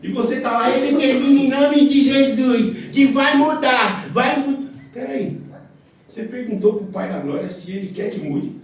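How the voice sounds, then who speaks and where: A Brazilian man preaching a fervent sermon that builds to forceful shouting, heard with a cathedral echo in a large church. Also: extremely high pitch, moderate pace, a little hiss or hum. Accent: Brazilian Portuguese. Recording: cathedral echo, heavy church reverb from far off.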